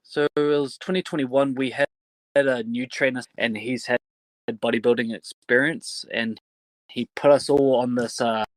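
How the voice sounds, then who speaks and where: A man giving casual interview answers as a professional wrestler, in halting, fragmented phrases with some casual swearing. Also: medium pitch, fairly even intonation, dry recording, rough recording.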